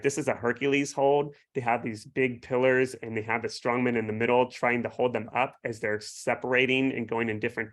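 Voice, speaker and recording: A man speaking as a guest author, explaining things casually in an enthusiastic, friendly way. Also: medium pitch. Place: home basement.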